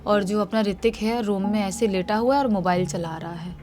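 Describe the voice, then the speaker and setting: A woman's voice: medium pitch, normal speed, noisy background. A woman narrating a horror story in a loose, conversational way, often repeating herself. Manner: loose, repetitive spoken retelling.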